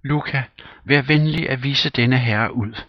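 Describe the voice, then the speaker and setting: A man reading a play aloud and voicing an outraged young widow in a shrill, indignant falsetto. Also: no echo, dull audio, natural voice. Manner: shrieking, indignant, high.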